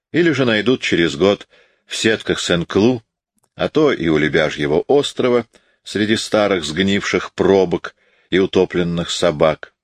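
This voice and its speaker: A man's voice: low-pitched, dry recording. A man reading an audiobook, voicing a defiant, scornful young woman in a hard, mocking tone.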